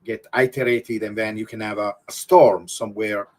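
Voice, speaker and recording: A man with an Italian accent, a guest explaining ideas in conversation, halting often with fillers and restarts. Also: on the low side, fairly even intonation. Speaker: guest physicist.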